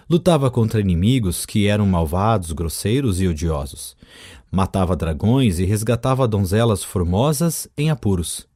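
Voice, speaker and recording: A man narrating an audiobook in a calm, measured storytelling manner. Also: medium pitch, no room sound, clean studio sound. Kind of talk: scripted narration.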